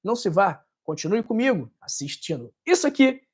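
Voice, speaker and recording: A woman's voice: mid-range voice, big pitch swings, a little fast, a little mellow, husky. A woman hosting a health video channel, speaking directly and emphatically to her viewers as she signs off. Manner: emphatic, insistent sign-off.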